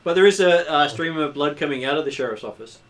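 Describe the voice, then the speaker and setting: A man narrating a tabletop game as game master, improvising descriptions in halting pieces. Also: a little high, expressive, fairly bright tone.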